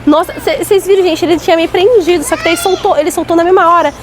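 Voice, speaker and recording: A woman filming a casual vlog on her phone in a supermarket aisle, talking excitedly with playful mock alarm. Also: extremely high pitch, fast talker. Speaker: mother filming a family outing. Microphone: handheld phone camera. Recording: noisy store ambience.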